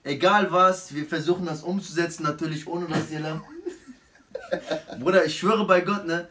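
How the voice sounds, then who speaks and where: A man's voice: on the high side, steady tone, normal speed, a bit bright. A man in his twenties speaks slangy, exasperated German with an Arabic-influenced accent, hosting and bantering casually with friends. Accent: Arabic-influenced urban German. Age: 20s. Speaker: host of a comedy sketch channel. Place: living room sofa. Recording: very noisy home camera recording.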